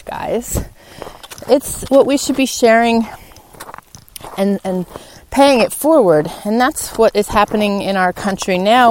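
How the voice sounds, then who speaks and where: Clicks and clear background noise run through this clip of a woman with a mid-range, slightly mellow voice. She hosts a solo podcast, speaking informally and earnestly to encourage her audience.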